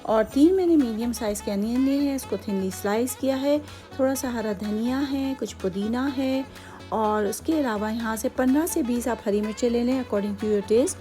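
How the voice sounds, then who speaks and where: A woman's voice: on the high side, normal speed, dark tone, faint music behind. Chatty Hyderabadi woman teaching home cooking. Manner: chatty, explains steps patiently with many asides. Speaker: cooking channel host.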